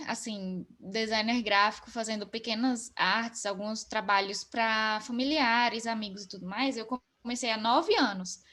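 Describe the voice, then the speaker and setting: A young woman, chatting casually as an interview guest and filling her talk with relaxed asides. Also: on the high side. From Northeast Brazil. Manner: relaxed, talkative, frequent fillers.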